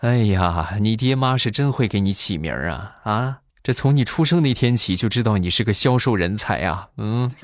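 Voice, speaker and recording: A man in his thirties telling comic stories in a chatty way, filling pauses with drawn-out fillers. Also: lowish voice, lively intonation. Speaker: comedy vlogger. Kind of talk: comic storytelling monologue.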